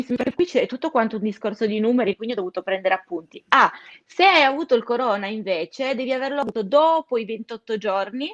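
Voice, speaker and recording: A woman's voice: on the high side, no echo, lo-fi sound. A woman giving an informal explanatory news update, speaking emphatically and stressing her key words.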